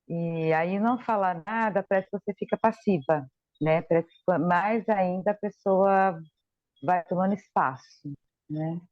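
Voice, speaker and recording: A woman's voice: lowish voice, unhurried, dry recording, muffled recording. A woman taking part in an online workshop, speaking hesitantly with many fillers over a video call. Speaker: workshop participant. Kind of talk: casual chat.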